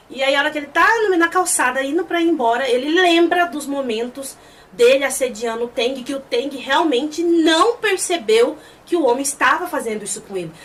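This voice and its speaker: A woman's voice: high-pitched, a bit bright. A Brazilian woman with a Brazilian Portuguese accent reviewing a TV series in casual talk, retelling scenes emotionally and acting out the quoted lines. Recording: distant mic with faint background noise.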